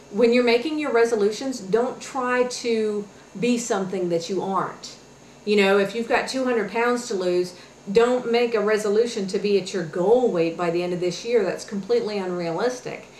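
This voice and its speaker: A woman's voice: medium pitch, slight background noise. Chatty woman in an echoey room. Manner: chatty, many fillers and restarts, encouraging. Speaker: health and fitness webisode host. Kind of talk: casual advice vlog. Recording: echoey room with faint ambience.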